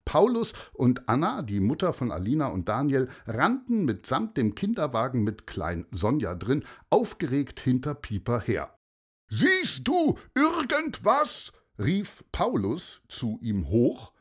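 A man narrating a children's story in an expressive, playful way. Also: medium pitch, a little slow, few pauses, husky.

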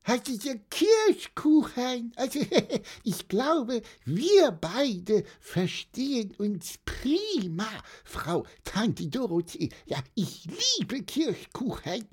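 Woman doing an easygoing kid voice, high, lively, unhurried. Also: husky, exaggerated voice.

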